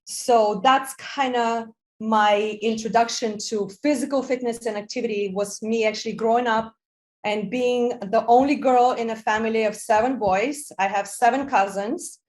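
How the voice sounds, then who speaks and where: A woman's voice: a little high, fairly even intonation, moderate pace. Upbeat woman guest from Bulgaria. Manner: upbeat, enthusiastic. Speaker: podcast guest, Pilates instructor. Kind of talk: casual interview talk.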